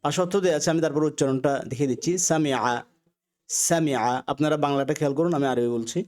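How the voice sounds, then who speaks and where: A man with a Bangladeshi accent teaching an Arabic grammar lesson, patiently repeating each word slowly for learners to follow. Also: a little high, a little mellow. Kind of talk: recorded lesson.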